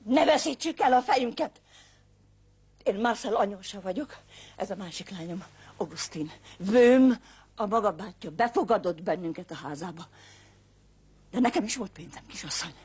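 A woman's voice: mid-range voice, expressive, long pauses, darkish tone, breathy edge. An actress dubbing an older woman, the dead man's mother-in-law, in a film, speaking in alarmed, emphatic bursts. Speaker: dubbing actor. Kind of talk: dubbed film acting.

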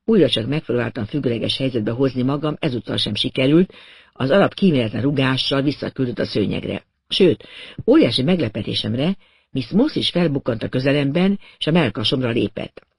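A man narrating a first-person story in a steady, wry way. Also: medium pitch, vocal fry, slightly rough, dry recording, clean studio sound.

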